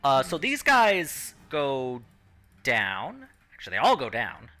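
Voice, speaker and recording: A man's voice: medium pitch, huge pitch swings, takes it slowly, sharp tone. A man running a tabletop game as game master, narrating and explaining rules casually.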